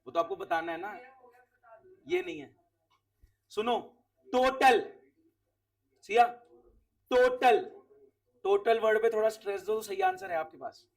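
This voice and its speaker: A man's voice: sits high, very animated, normal speed, creaky, pauses often, recorded from a distance. A man teaching accounts to a class of students, quizzing them, repeating key words and sending off those who answer right.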